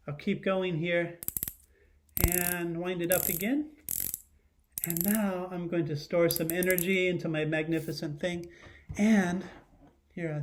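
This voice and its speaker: A middle-aged man with a high-pitched voice, accompanied by a little hiss or hum, teaches a children's lesson and reads aloud from his living room at home. He keeps his phrasing simple and frequently asks the young viewers questions.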